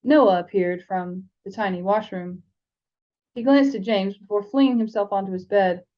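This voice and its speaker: Speaking at a normal speed with a medium-pitched voice, a woman from the United States reads stories and chats loosely about books as co-host of a fan podcast. She's also an audiobook reader, and the audio sounds dull.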